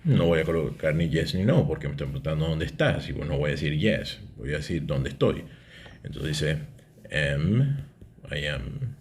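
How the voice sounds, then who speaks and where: A man's voice: rumbling low, animated, a little fast, a little mellow, slight background noise. A man, teaching an English grammar lesson and explaining step by step, often checking in with "¿ok?".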